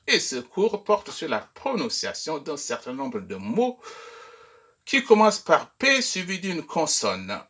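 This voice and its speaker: A man teaching an online French pronunciation lesson, speaking slowly and deliberately. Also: mid-range voice, husky. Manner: slow, deliberate, lively intonation.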